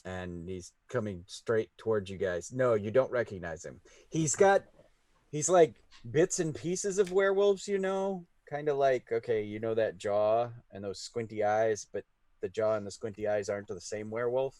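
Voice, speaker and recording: A man's voice: on the low side, lively intonation, moderate pace, darkish tone, no room sound. A man improvising narration as the game master of a tabletop game.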